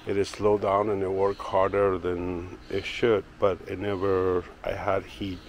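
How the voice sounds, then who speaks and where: A slight hiss or hum sits under the low, unhurried voice of a woodworking channel owner. He films on a handheld camera while strolling casually through his backyard garden and into his workshop, rambling comfortably and leaning on lots of fillers.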